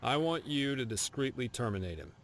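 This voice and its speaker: A man's voice: mid-range voice, animated, fairly quick, a bit bright, close to an everyday voice. An actor playing a stern male military officer who hands out a kill contract in a formal, clipped, contemptuous way. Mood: stern briefing. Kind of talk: video game dialogue.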